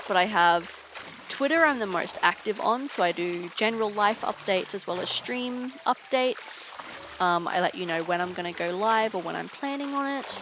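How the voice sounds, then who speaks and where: A young woman game streamer chatting casually while she plays, tired and low on energy, rambling with frequent ums. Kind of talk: casual chat while gaming. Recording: noisy game audio behind.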